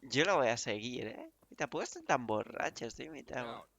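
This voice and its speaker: A young man with a Spain Spanish accent giving casual let's-play commentary, swearing, laughing and exclaiming loudly. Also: mid-range voice, big pitch swings, fairly quick, husky. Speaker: gaming youtuber.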